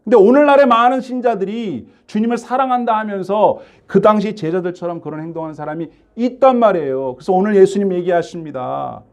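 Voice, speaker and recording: A man's voice: high-pitched, a little fast, few pauses. A middle-aged male pastor giving a conversational sermon, asking the congregation questions and acting out quoted speech. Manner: acts out quoted speech with sudden shifts in loudness.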